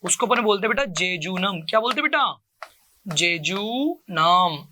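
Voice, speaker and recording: A male coaching teacher giving a lecture. He asks each question, answers it himself in a lower voice, and repeats every term to drill it. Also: animated, quick pace, pushed and bright, a little hiss or hum. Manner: keeps calling the listener "beta" and repeats each term. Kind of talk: classroom lecture with call-and-response drilling.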